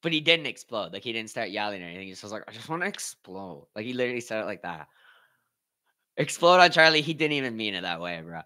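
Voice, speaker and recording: Bright, slangy male streamer. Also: fairly low pitch, big pitch swings, quick pace, clear, resonant tone. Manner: loose, slangy, reads chat aloud. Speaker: streamer hosting a watch party. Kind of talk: casual live-stream commentary.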